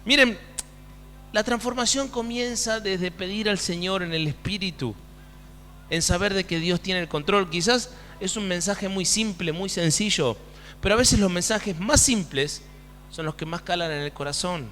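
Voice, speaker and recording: A man preaching a sermon, asking the congregation question after question in an animated way. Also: sits high, moderate pace, slight background noise. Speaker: pastor. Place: church hall. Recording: church hall with long reverb.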